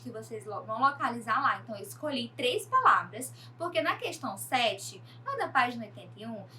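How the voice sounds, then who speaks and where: Bright high-voiced woman teacher. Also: far from the mic, slight background noise. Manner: slow, emphatic, addressing pupils directly. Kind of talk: online class lesson.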